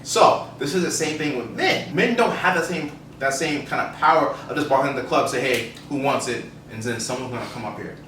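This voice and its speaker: This male podcast co-host is expressive and fairly quick, hardly pausing as he casually and emphatically gives his opinions. His medium-pitched voice is bright and forward, captured roomy and slightly off a distant mic amid faint background noise.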